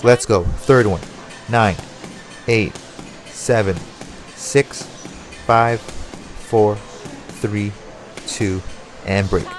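Male fitness coach, lowish pitch, instructional and motivational, calling punches and intervals, light music underneath. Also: very slow, pauses often. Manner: motivational, short commands. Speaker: boxing workout coach. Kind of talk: instructional workout coaching with called-out combinations and timing cues.

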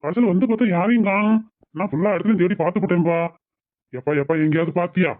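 Brief: man as an anxious, apologetic cartoon family man, slightly high voice, phone-like sound. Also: fast talker, background noise, lightly acted.

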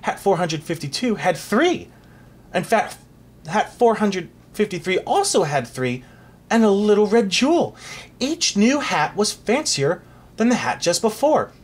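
A reader narrating a storybook aloud for a child in an expressive, animated way. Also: medium pitch, measured pace.

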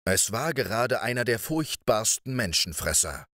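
A man reading fairy tales aloud as a calm bedtime audiobook, voicing each character in turn. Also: lowish voice, normal speed, dry recording, studio quality. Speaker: audiobook narrator.

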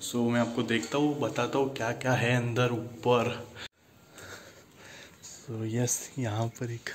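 Guy slowly walking u through a temple cave on his phone, lots of wows, english bits mixed in. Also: mid-range voice, little pitch movement, slight background noise. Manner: exclaims often, mixes English into Hindi. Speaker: travel vlogger. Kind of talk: walking tour vlog narration. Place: man-made underground temple cave.

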